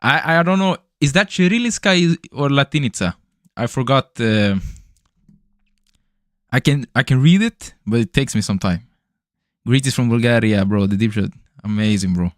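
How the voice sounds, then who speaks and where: A man's voice: medium pitch, normal speed, dry recording, clean studio sound. A young man doing casual live-stream commentary on his trades, chatty and loose, calling his viewers bro. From Serbian parents, raised elsewhere in Europe. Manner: loose, chatty, swears and laughs, talks to chat as bro. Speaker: livestreaming futures trader.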